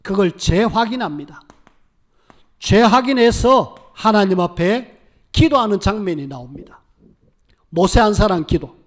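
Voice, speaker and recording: High-voiced preaching pastor, emphatic. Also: male voice, animated, a little slow, long pauses. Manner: emphatic preaching, acting out prayers of biblical figures. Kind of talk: sermon.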